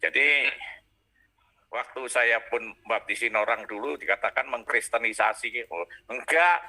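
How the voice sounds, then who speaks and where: A man's voice: medium pitch, sharp tone, low-quality recording. A man from Malang, giving a personal testimony as a preacher and telling his story with animation, acting out voices and sounds. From Indonesia, Malang. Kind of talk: personal testimony on a video call.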